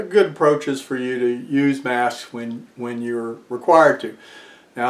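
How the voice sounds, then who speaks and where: An American man in his sixties giving a casual explanatory talk to camera. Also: mid-range voice. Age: 60s. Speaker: video presenter. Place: small furnished room indoors, seated in armchair. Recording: echoey small room.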